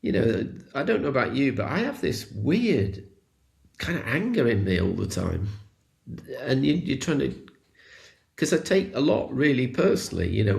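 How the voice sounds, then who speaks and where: A man's voice: mid-range voice, vocal fry, a little mellow. A man from the British Isles co-hosting a casual talk, candid and rambling. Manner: candid, rambling, with laughs and swearing. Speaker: co-host. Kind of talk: casual conversation.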